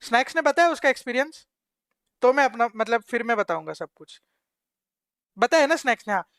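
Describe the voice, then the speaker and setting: A young man with a Mumbai Hindi accent, a live streamer excitedly telling his chat a slangy, animated story. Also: extremely high pitch, a little fast, vocal fry, clear, resonant tone, no room sound, studio quality.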